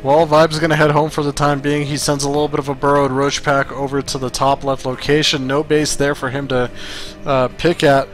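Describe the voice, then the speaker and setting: A man's voice: on the high side, brisk, faint music behind. A man doing solo play-by-play commentary on a strategy game, tired after a long day, chatty and loose, often restarting his sentences. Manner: relaxed, chatty, self-correcting, occasional laughs. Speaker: esports caster.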